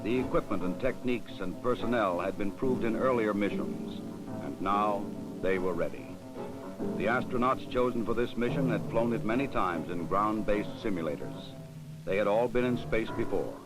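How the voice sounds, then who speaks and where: Guy narrating old documentary, low solemn voice, loud music behind him. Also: normal speed, poor audio.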